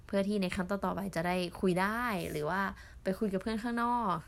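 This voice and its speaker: Chatty young Thai woman vlogging. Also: mid-range voice. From Thailand. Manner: chatty, with many fillers and drawn-out pauses. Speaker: au pair vlogger. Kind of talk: casual storytelling vlog.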